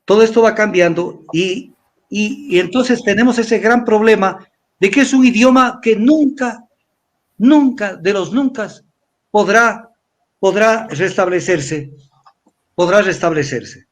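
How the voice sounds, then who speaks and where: A man's voice: high voice, measured pace. An older man from Ecuador giving a lecturing weekly commentary, repeating himself and spelling out letters. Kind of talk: weekly analysis talk.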